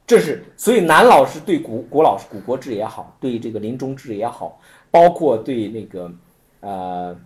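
A man giving an informal Buddhist teaching talk, telling stories in an animated way with many repetitions. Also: medium pitch. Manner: animated storytelling with frequent repetitions and acted-out quotes.

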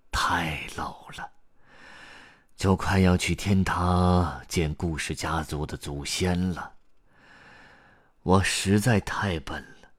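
A man voicing a tired, tearful old grandfather storyteller who talks slowly and sighs. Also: lowish voice, no echo, studio quality, voice pushed up. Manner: slow, sighing, exhausted.

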